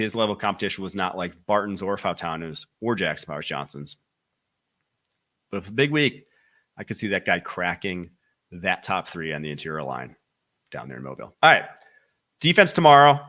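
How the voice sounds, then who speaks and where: A young man from Wisconsin with a Wisconsin accent, hosting a solo football podcast with energetic, rapid-fire commentary that stresses key words. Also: deep voice. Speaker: football draft analyst podcast host.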